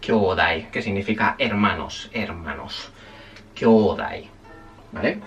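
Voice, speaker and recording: A man's voice: medium pitch, expressive, moderate pace, vocal fry, fairly bright tone, distant mic, highs cut off, faint music behind. A man teaching a casual spoken language lesson, chatty and self-correcting, often checking in with his listeners.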